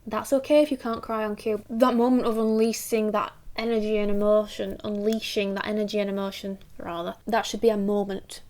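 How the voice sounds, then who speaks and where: A woman giving a casual acting lesson, chatty and quick to act out the lines she describes. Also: medium pitch, level tone, darkish tone. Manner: chatty, acts out quoted lines, uses filler 'like'. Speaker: acting teacher.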